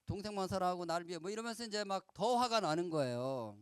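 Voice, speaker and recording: A middle-aged man giving a lively storytelling lecture to children at a camp, acting out quoted lines and asking the audience questions. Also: sits high, quick pace, clear, resonant tone, no echo. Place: lecture hall at a youth camp.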